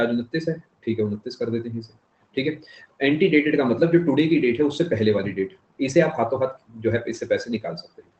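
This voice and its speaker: A man's voice: mid-range voice, darkish tone. Guy teaching economics, explains bit by bit, asks if you got it, muffled echoey room. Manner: explains step by step, mixing English phrases, asks "समझ गए?". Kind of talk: classroom lecture. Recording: dull, echoey classroom recording.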